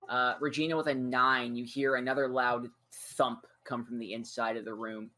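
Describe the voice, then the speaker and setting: A man with a bright, forward voice runs a tabletop game. He describes scenes and calls for rolls in a loose, casual way with plenty of ums. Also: mid-range voice, moderate pace. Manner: relaxed, casual, filler-heavy narration. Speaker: game master.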